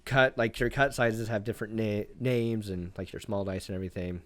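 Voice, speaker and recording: A young man, a private chef, chatting casually on a podcast in a relaxed, rambling way full of fillers. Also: on the low side, a little fast. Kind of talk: casual interview chat.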